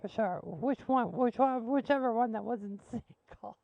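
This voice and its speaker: A blunt, joking woman runs a call-in show with a fairly high voice. The sound is dry and close, with no room around it. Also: measured pace, creaky, no echo, highs cut off. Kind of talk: casual call-in radio chat.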